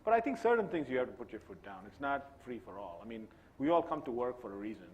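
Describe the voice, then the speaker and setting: A man's voice: mid-range voice, very animated, quick pace. A man on a conference panel, talking in a loose, conversational way with frequent restarts. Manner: conversational, many restarts and "you know". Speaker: panelist CIO. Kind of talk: panel discussion.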